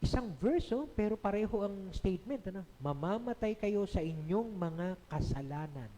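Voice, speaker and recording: Lively, mellow Filipino pastor preaching. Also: male voice, high voice, moderate pace. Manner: teaching, checks in with listeners. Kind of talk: sermon. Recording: long hall reverb.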